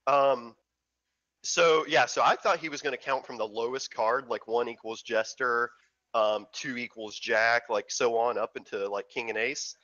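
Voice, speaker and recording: A man's voice: medium pitch, fairly even intonation, moderate pace, pushed and bright, lo-fi sound. A man playing in a tabletop game, casual and rambling with lots of fillers. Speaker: player.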